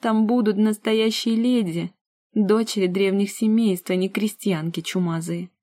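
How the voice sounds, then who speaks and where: A woman's voice: mid-range voice, fairly even intonation, normal speed, mellow, no room sound, studio quality, close to an everyday voice. A woman voicing a spoiled, capricious young woman who shrieks and sneers at her sister in an audiobook. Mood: mocking scornful.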